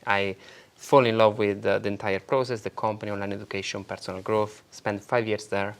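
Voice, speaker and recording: A man in his thirties from Italy with an Italian accent, a guest telling his story in a lively, animated way in a casual interview. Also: on the low side, a little fast. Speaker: guest, marketing agency founder.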